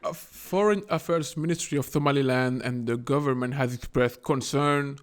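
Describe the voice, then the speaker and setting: A man's voice: medium pitch, moderate pace, clean tone. A man giving casual, irreverent commentary in a vlog, often swearing and acting out the people he quotes. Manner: irreverent and profane, acts out quoted voices. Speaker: video host.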